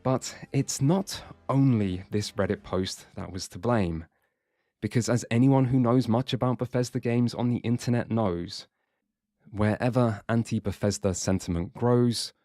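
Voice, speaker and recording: A man's voice: mid-range voice, unhurried, dark tone, dry recording. A man reading scripted video essay narration in a dry, sardonic way.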